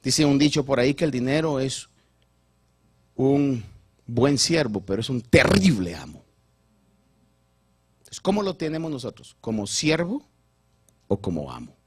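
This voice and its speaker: A male pastor giving a sermon, animated and repeating words while he builds each point. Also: medium pitch, unhurried, long pauses, slightly rough, no room sound, studio quality.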